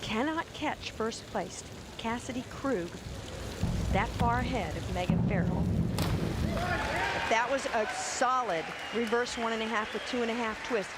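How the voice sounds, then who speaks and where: A woman's voice: fairly high pitch, measured pace, over a noisy crowd. A woman giving analytical, explanatory diving commentary as an expert. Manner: explanatory, evaluative. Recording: loud venue noise behind the voice.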